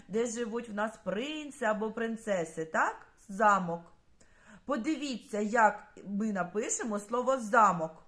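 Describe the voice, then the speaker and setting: Slow, patient woman teaching young children. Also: fairly high pitch, fairly bright tone. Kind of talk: primary school lesson.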